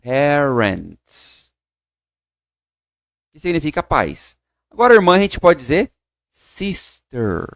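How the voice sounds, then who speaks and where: A Brazilian man teaching English online, upbeat and encouraging, drilling slow repetitions of words. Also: fairly high pitch, huge pitch swings, dry recording, studio quality. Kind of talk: online English lesson for Portuguese speakers.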